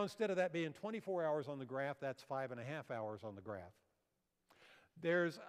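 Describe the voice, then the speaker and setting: On a church auditorium stage, an older man presents a health seminar, explaining his slides and asking listeners questions. His voice is a little high and clean in tone. The recording carries a long hall reverb.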